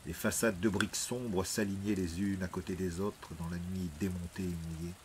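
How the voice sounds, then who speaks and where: A man reading an audiobook in measured, dramatic scripted narration. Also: low-pitched, flat delivery, darkish tone, a little hiss or hum.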